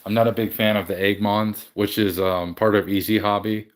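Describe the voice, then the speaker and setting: Low-voiced man chatting to stream viewers. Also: flat delivery, normal speed. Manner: rambling, self-correcting. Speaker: livestream host. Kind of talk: casual chat with live viewers. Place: home game room.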